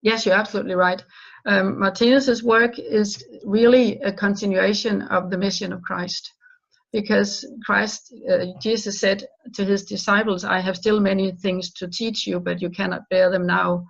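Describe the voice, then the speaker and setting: Over a dull, lo-fi call, a gravelly-voiced woman from Denmark answers interview questions as a guest author, Danish being her first language. Her mid-range voice has fairly even intonation, and she speaks earnestly, halting and restarting.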